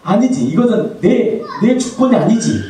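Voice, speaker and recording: A man's voice: lively intonation, normal speed, a little hiss or hum. Echoey preaching pastor, man. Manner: asks the congregation questions and answers them; swings between soft low asides and raised exclamations. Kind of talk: sermon. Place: church sanctuary. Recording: echoey, from far off the mic.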